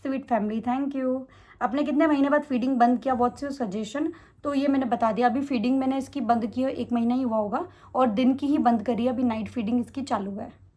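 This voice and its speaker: Young woman, high voice, fast chatty vlogger, casual Q&A talk. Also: fairly even intonation, a little mellow. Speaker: vlogger answering viewer questions. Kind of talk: casual Q&A chat.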